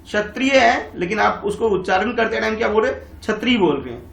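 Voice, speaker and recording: A man's voice: sits high, animated, quick pace, vocal fry, a bit bright. A man, a teacher explaining exam questions and asking himself rhetorical questions as he goes. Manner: repeats and asks rhetorical questions. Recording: echoey room.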